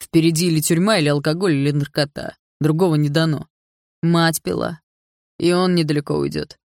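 A woman voicing a controlling middle-aged stepfather who speaks in a calm, menacing, condescending way. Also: low voice, fairly quick, vocal fry, dry recording, studio quality.

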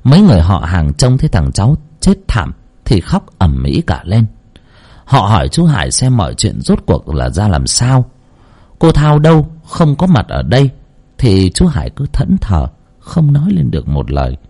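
A man's voice: on the low side, huge pitch swings, moderate pace, dark tone, slightly rough. A man narrating a horror story dramatically.

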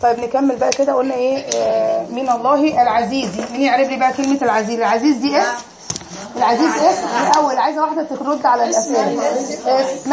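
Her voice high with some vocal fry, an Egyptian-accented woman leads an Arabic grammar class. She quizzes the students and drills each of their answers.

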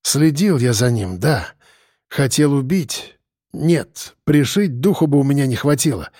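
A man voicing a grieving middle-aged father who is bitter and vengeful, talking hoarsely in tearful outbursts. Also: animated, a little slow, warm tone, no echo, studio quality. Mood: weary confession. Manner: hoarse, swings from muttering to shrill outbursts.

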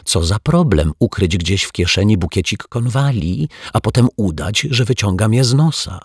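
A man voicing a sly, menacing male stage magician with a raspy voice, in a storybook reading. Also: fairly low pitch, lively intonation, no room sound, clean studio sound, pitched above the performer's own voice. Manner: slow, mocking, teasing menace.

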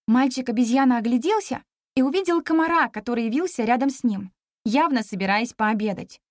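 A woman narrating a children's storybook in the first person, expressive and clear. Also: a little high, no echo, clean studio sound. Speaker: audiobook narrator.

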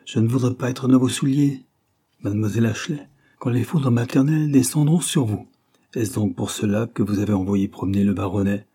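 A man's voice: medium pitch, brisk, dark tone, slightly rough, lightly acted. Man voicing a sardonic young invalid, teasing. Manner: teasing, ironic. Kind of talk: audiobook character reading.

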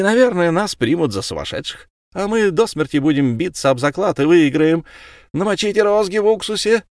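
A man's voice: high-pitched, darkish tone, dry recording, clean studio sound, pitched above the performer's own voice. A man voicing a crowd of rowdy young women who tease and mock in a raised, lilting voice. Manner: teasing, jeering. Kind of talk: audiobook reading.

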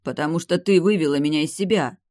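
A woman's voice: low voice, expressive, normal speed, no room sound, studio quality. A woman voicing a persistent noble ex-lover. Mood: earnest. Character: young adult man, aristocratic ex-lover, persistent.

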